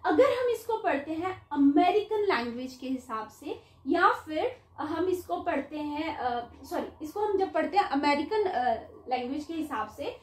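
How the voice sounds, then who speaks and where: A woman teaching phonics online, sounding out each word slowly, syllable by syllable, and calling her students "beta". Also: sits high, reverberant, poor audio.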